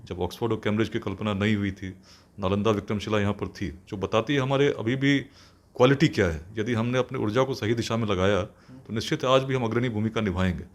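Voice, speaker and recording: Low voiced guy from bihar talking fast, earnest and kinda formal, like a speech. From India, Bihar. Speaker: guest, police officer. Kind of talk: interview answers.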